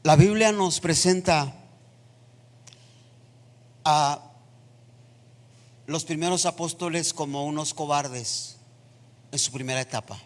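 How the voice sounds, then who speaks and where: A man preaching a sermon in a church, building into impassioned, near-shouted passages. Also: fairly high pitch, slow pace, long pauses. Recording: long reverb of a church hall.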